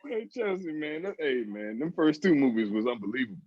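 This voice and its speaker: A man joining a casual group chat over a video call, excitable and quick to laugh. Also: mid-range voice. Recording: dull lo-fi call audio with faint hiss.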